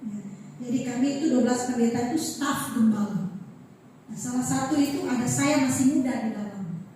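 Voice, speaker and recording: A woman's voice: fairly high pitch, fairly quick, a little hiss or hum. A middle-aged woman pastor from Manado, preaching a sermon full of personal stories and often turning to the congregation. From Manado, Indonesia. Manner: animated, keeps addressing the congregation. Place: church hall. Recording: echoey church hall from far off.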